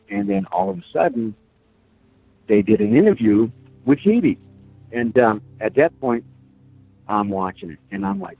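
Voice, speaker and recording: On a casual phone interview, an older man rambles through his story emphatically, packed with fillers. His medium-pitched voice is creaky with no room sound, though the tinny phone line carries faint music.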